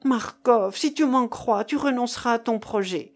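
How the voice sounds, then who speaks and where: A woman reading the lines of a frightened, cautious young man, hushed and wary, in an audiobook. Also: on the high side, normal speed, lightly acted. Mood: uneasy.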